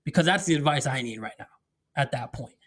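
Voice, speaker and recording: A man's voice: medium pitch, lively intonation, fairly quick, fairly bright tone. A man talking as a podcast guest, telling his story in a candid, casual way with many fillers and restarts. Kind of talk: candid conversational interview.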